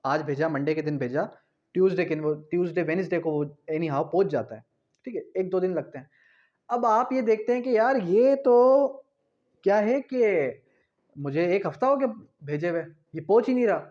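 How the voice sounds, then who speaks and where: This is a casual exam-prep law lecture from a man whose high-pitched voice has lively intonation and a darkish tone at normal speed. The audio is dull. He repeats the important points, explains informally, and moves back and forth between Urdu and English terms.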